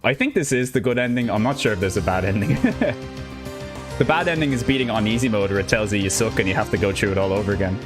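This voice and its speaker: Upbeat and rambling, a young Irishman with an Irish accent keeps up casual chatter during a live gameplay stream. He speaks fast and expressively in a fairly low pitch, with game music in the background.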